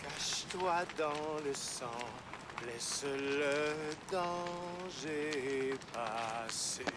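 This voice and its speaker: A man's voice: on the high side, drawn-out words, heavy background noise. An actor playing a fanatical religious man in a horror game, chanting prayers solemnly. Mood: solemn, ominous. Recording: game audio under loud music.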